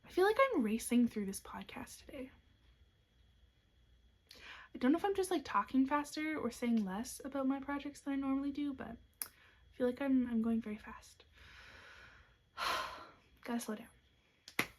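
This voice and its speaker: Hiccuping as she goes, a young woman hosts a knitting podcast and presents her designs in relaxed show-and-tell fashion. Her high-pitched voice moves at a moderate pace with long pauses, upbeat and chatty, with soft asides.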